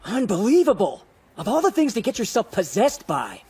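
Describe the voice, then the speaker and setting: A man's voice: mid-range voice, sing-song, moderate pace, breathy edge. An actor playing a cool, bossy teenage boy who exorcises spirits, curt and dry, in an anime dub. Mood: scolding. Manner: curt and dry, exploding into scolding. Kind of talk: anime English dub acting. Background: background score.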